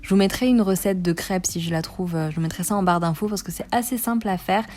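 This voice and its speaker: A woman's voice: mid-range voice, fast, a little mellow. A young woman narrating a casual food vlog, gushing with enthusiasm about each dish. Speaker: food vlogger.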